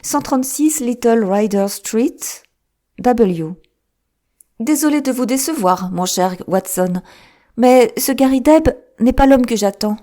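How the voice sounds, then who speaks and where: A woman putting on a sharp male detective for an audiobook, teasing and composed. The voice rides noticeably above her own, lively and emphatic, yet keeps a mellow, soft-edged tone. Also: fairly high pitch, slow, voice pushed up. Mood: amused. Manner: lively, lifted and emphatic delivery. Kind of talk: audiobook character reading.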